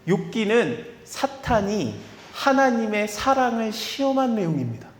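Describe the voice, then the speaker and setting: A man's voice: high voice, big pitch swings, a little slow, a little hiss or hum. A man preaching an expository sermon in a conversational way, acting out the voices he quotes. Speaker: pastor. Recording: echoey hall reverb.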